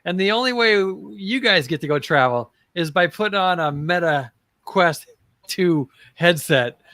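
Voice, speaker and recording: An American man with a high voice chats casually with friends. He is folksy, wry and questioning, and the sound is dry. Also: expressive, measured pace, pushed and bright, no room sound. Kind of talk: casual group chat.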